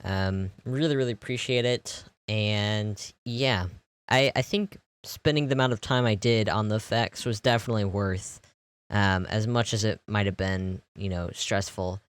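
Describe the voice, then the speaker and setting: A young man casually narrating a walkthrough of his game build, relaxed and rambling with lots of fillers. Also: on the low side, normal speed, smooth, no echo. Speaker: video creator.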